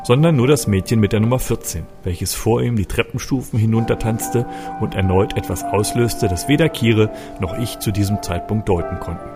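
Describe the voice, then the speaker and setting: A man's voice: fairly low pitch, moderate pace. A man reading a story aloud, narrating expressively and with urgency. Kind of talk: audiobook narration. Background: faint music.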